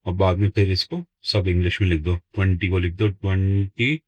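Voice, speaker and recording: A man's voice: low voice, flat delivery, a little mellow, slightly rough, no room sound, low-quality recording. A man teaching a maths lesson, explaining step by step and dictating numbers word by word as he writes them. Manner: slow, deliberate, dictates numbers word by word while writing.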